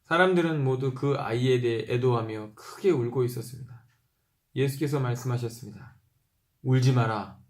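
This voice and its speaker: A man reads Bible passages at an unhurried pace, going back over key verses. He breaks off now and then to explain things in a relaxed, conversational way. He raises his voice when he reads out quoted speech. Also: medium pitch. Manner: reads slowly, repeating verses and pausing to explain. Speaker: Bible reader. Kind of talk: reading scripture aloud with commentary.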